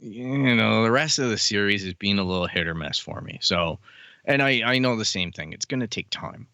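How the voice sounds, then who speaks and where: A man's voice: lowish voice, lively intonation, moderate pace, gravelly, sharp tone, dry recording. A man co-hosting a podcast, chatting casually and enthusiastically as a fan, swearing now and then. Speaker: podcast co-host. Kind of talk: casual chat.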